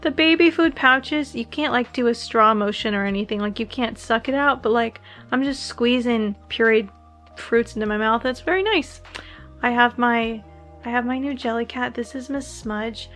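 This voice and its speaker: A woman's voice: fairly high pitch, normal speed, fairly bright tone, soft background music. A young woman chatting casually to her vlog, groggy and rambling, her mouth sore and swollen after oral surgery. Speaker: vlogger.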